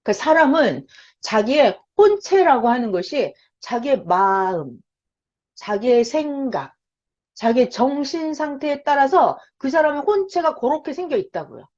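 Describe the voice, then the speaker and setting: A Bible teacher with a high voice gives a beginners' lecture at normal speed, telling a story with animation and quizzing her listeners. The recording is lo-fi and dull.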